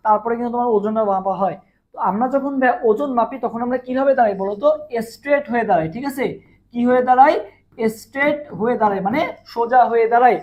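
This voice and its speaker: In a muffled recording, a man with an extremely high, slightly mellow voice teaches chemistry live online. He has a Bangladeshi Bengali accent, sounds hoarse from a long teaching day, and keeps repeating questions and drilling answers with the class.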